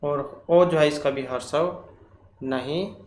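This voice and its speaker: A man teaching Sanskrit grammar for exam preparation. He works through quiz questions slowly and deliberately, asks himself questions and repeats the key terms. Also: a little high, darkish tone. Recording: echoey room, faint ambient noise.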